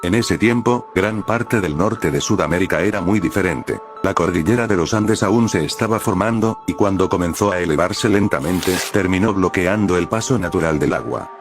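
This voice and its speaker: A man reading scripted nature documentary narration in a measured, explanatory storytelling manner. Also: sits low, over music.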